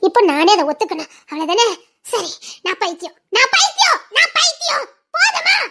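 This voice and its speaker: A woman playing a distraught grieving mother with a shrill high voice, sobbing and accusing, in a Tirunelveli Tamil accent. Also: brisk, gravelly. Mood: hysterical, sobbing. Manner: sobbing, hysterical laughter, shouting accusations. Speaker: grieving mother who lost her child. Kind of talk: emotional web drama acting.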